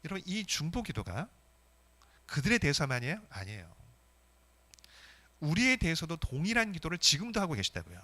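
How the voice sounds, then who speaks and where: Male pastor, sermon, rhetorical questions, bright forceful tone. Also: fairly high pitch, fairly quick, pauses often. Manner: animated, emphatic preaching with rhetorical questions.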